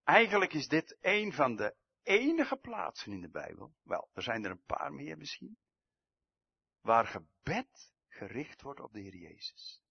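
A man delivering a slow sermon in a husky voice. His pitch rises and falls widely, and he swings from loud emphatic outbursts to hushed, low passages. The recording sounds dull and lo-fi. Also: very animated. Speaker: preacher.

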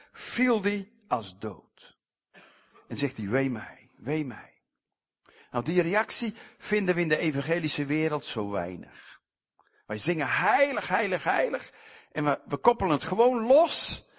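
A man preaching a sermon, swinging sharply in pitch and loudness and stretching out key words. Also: breathy edge.

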